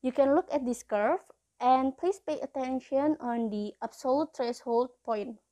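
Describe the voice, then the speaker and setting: A woman's voice: sits high, a little slow, dark tone. A woman in her early twenties with an Indonesian accent, a non-native English speaker, explains a lesson to camera through a face mask that slightly muffles her voice. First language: not English. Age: early 20s. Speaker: explainer video host. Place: small indoor room.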